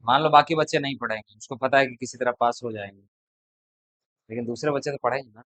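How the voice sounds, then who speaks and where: Male coaching tutor, mid-pitched, blunt and chatty with students, dry close sound. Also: quick pace, fairly bright tone, no room sound, poor audio. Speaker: math tutor. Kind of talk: casual classroom talk to students.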